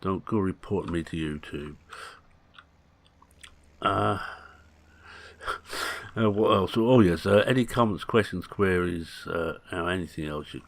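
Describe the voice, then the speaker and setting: A man's voice: low-pitched, a little slow, vocal fry. A man, chatting casually through gameplay commentary with rambling, jokey asides. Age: 60s. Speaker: gaming channel host.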